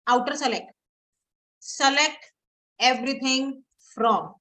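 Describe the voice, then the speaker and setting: A woman's voice: high voice, drawn-out words, pushed and bright, low-quality recording. A woman teaching SQL in a screen-recorded lesson, mixing Hindi and English and quizzing her students as she types queries. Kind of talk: live coding lesson.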